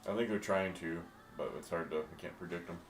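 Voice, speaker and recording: A man in a casual discussion, thinking out loud in a relaxed way. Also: sits low, fast talker, faint music behind. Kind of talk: casual draft pick discussion. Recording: echoey room with faint hiss.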